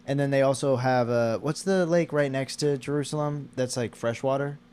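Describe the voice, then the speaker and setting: An American man chatting casually and haltingly, searching for words and restarting as he rambles. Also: medium pitch, a little mellow, smooth.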